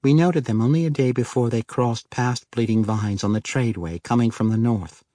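A man's voice: medium pitch, normal speed, mellow, no room sound, clean studio sound, pitched above the performer's own voice, lightly acted. Man putting on a teasing halfling noblewoman. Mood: matter-of-fact. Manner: teasing, lightly raised voice.

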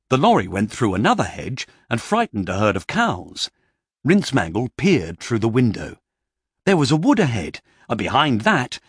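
A man narrating a children's storybook in an expressive way, dropping to hushed pauses for drama. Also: medium pitch, husky, no room sound, studio quality.

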